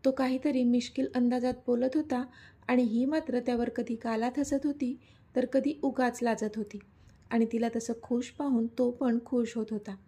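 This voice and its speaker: Mellow, breathy woman storyteller. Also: a little high, level tone, normal speed. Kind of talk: scripted story narration.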